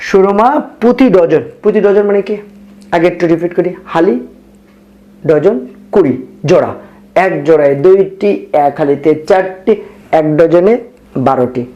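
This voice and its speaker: A man teaching arithmetic to young children, speaking softly and patiently, counting steps aloud and quizzing his students, with a Bangladeshi Bengali accent. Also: sits high, moderate pace, pauses often, muffled recording. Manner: speaking softly on purpose late at night. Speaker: math teacher. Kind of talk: math lesson for young children.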